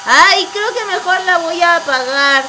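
Woman voicing a squeaky excitable boy. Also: measured pace, slight background noise, full character voice. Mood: whiny. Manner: squeaky, excitable, easily distracted. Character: excitable boy character playing with toy footballers. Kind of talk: children's educational cartoon acting.

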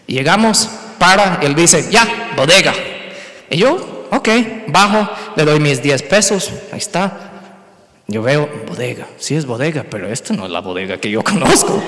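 A man preaching a sermon and telling a lively personal story, slipping words in among his phrases. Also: on the high side, long reverb tail. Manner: animated storytelling, mixing in English words. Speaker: pastor.

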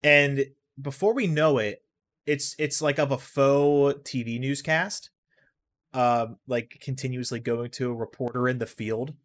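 A man hosts a casual solo podcast at an ordinary middle pitch, talking in a loose, rambling flow with frequent fillers. He reacts out loud to a video game he is playing as he speaks and swears now and then. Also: unhurried. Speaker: podcast host.

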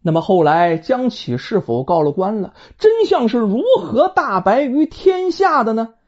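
A storyteller telling a folk tale in a chatty, colloquial way, with asides to the listener and drawn-out exclamations, in a dull, lo-fi recording. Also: mid-range voice, sing-song, a little mellow.

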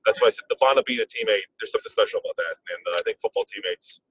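A man, a former football player and coach, telling stories in a casual interview, often pausing on "um" and checking in with "right?". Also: medium pitch, far from the mic, highs cut off. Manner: animated storyteller, frequent "um" and "right?".

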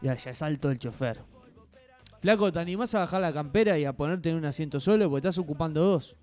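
A man's voice: a little high, fast talker, soft background music. Young Uruguayan man chatting casually. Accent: Uruguayan Spanish. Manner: relaxed, rambling anecdote with fillers. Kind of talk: casual chat, storytelling.

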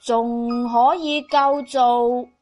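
Lady doing a kindly old cantonese grandpa from a storybook, super slow and deliberate, soft music. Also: on the high side, steady tone. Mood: pondering, assured. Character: kindly, resourceful old grandfather who sews.

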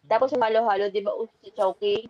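A woman's voice: mid-range voice, steady tone, quick pace, a little mellow, highs cut off. A woman explaining tips matter-of-factly in a casual chat. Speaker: panelist.

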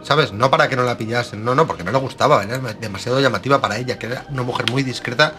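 A man's voice: medium pitch, racing, over music. A man, co-hosting a podcast in casual, comedic chat, teasing and joking. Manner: joking, teasing, fond of putting on voices. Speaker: podcast co-host.

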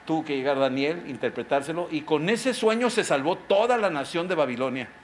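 Emphatic pastor preaching. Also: male voice, a little high, lively intonation, a little fast, slight background noise. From Mexico. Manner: emphatic preaching with rhetorical questions to the listener. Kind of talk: sermon.

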